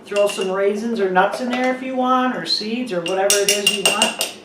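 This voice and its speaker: A woman's voice: medium pitch, moderate pace. Echoey woman giving a casual recipe demonstration. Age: middle-aged. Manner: easygoing, informal. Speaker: cooking video host. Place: echoey half-packed home kitchen. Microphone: camera mic from a distance. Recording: echoey kitchen, distant mic, background noise.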